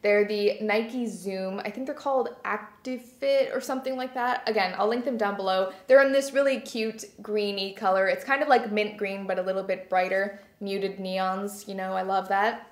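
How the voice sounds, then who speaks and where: A young woman in her twenties from Canada, a beauty vlogger, chatting enthusiastically as she shows off her gym gear from a small bright room. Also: medium pitch, fairly even intonation, moderate pace, few pauses, echoey room. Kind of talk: casual product show-and-tell. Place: small bright bedroom studio.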